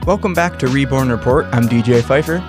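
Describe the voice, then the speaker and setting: Guy hosting a podcast, casual chat, asks little questions, music clearly in the background. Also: mid-range voice, a little fast. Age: adult son of the co-host. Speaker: podcast host.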